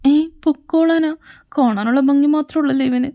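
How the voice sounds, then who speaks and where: A cheeky, whiny young man pleads to be allowed to stay, voiced by a woman. The voice sits fairly high with a mellow, soft tone. This is a homemade fan audio drama. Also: normal speed. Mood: pleading. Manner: whiny and begging.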